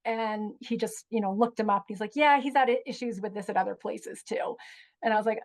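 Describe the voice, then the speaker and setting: A woman educator telling a personal story in a relaxed interview, with frequent ums and you-knows. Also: medium pitch, fairly quick, rough recording. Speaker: guest educator. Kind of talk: conversational storytelling.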